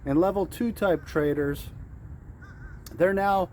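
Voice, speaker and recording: Outdoors in the heat, a day trader gives an informal, off-the-cuff motivational talk as a trading coach, acting out traders' thoughts and repeating phrases for emphasis. His high voice moves slowly with a darkish tone. Slight background noise is audible.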